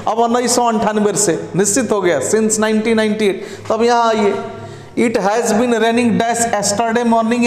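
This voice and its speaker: A male English teacher going through exam answers step by step, mixing Hindi and English and often asking if it is clear. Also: extremely high pitch. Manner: speaks slowly and deliberately, dictating; switches between Hindi and English. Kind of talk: exam prep lesson explaining grammar answers. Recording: echoey room with long reverb.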